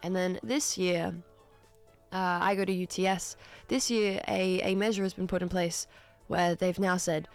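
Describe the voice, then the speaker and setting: With soft music underneath, an Australian woman from Newcastle, in her twenties, hosts her studio radio show at a measured pace. Her fairly low voice holds a steady tone as she chats casually and cheerfully between tracks, often saying um and drifting into asides, all captured on a studio microphone.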